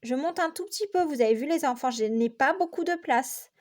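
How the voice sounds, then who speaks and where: A woman's voice: high-pitched, expressive, darkish tone. A woman teacher giving a patient, step-by-step handwriting lesson to young children. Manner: slow, patient step-by-step explanation. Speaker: primary school teacher.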